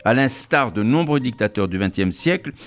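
A man's voice: medium pitch, expressive, moderate pace. A man hosting a radio interview show, formally reading out a long introduction of his guest with some hesitations. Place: radio studio.

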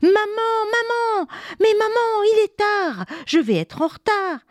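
Little boy role, high and pleading, lively swings, put on by a woman storyteller. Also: takes it slowly, dry recording, clean studio sound, heavily acted. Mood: insistent pleading. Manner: pleading, high childish calls. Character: young schoolboy, eager and insistent. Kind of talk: children's story voices.

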